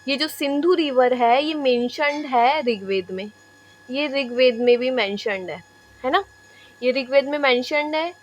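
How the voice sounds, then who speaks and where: High-pitched lady teacher drilling facts, repeats everything, keeps asking "right?", mixes in english words. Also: a little slow, slight background noise. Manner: repetitive, checks in with "है ना"; mixes English terms into Hindi. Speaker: exam-prep teacher. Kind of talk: classroom lecture.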